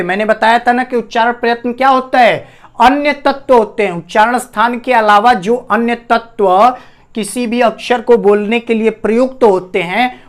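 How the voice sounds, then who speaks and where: A man teaching a Hindi grammar lesson, asking the class questions and repeating each key term. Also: high-pitched. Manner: addresses students as "bhaiya". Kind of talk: classroom-style lesson on a whiteboard.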